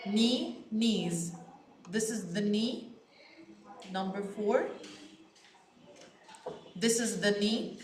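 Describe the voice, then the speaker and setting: An Egyptian woman whose first language is Arabic teaches English vocabulary to children, repeating each word slowly and stressing it. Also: medium pitch, roomy sound. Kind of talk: slow classroom vocabulary lesson.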